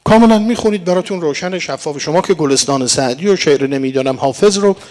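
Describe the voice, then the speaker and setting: Explaining as he goes, a man with a fairly high, slightly mellow voice preaches a sermon, addressing his listeners as dear friends. He teaches throughout and recites verse and Arabic along the way.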